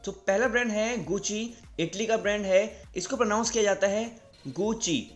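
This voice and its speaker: A young man with an Indian accent and a fairly high voice teaches a casual video lesson. He says each word slowly and asks "right?" again and again. Faint music plays behind him. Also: steady tone. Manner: repeats words slowly, often asks "right?". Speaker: English teacher.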